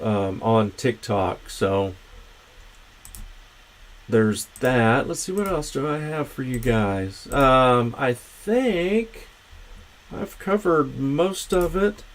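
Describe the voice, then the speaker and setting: A man hosting his own channel's livestream, talking in a casual, meandering, unscripted way. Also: on the low side. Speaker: channel host.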